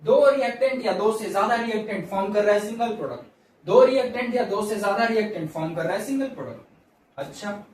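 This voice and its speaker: A male science teacher lectures in a fairly high voice, repeating each key term and firing questions he then answers himself. He is recorded from a distance in a very echoey room. A faint noise sits behind him. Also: brisk, a little mellow. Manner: repeats key terms, asks and answers his own questions. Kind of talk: classroom lecture. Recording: very echoey room, mic far off.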